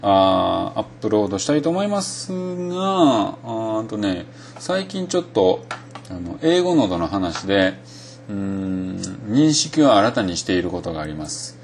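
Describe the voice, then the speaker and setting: A man's voice: lowish voice, big pitch swings, moderate pace, slight background noise. A middle-aged man with a Kansai Japanese accent, giving a casual spoken lesson on English pronunciation and thinking aloud with many fillers.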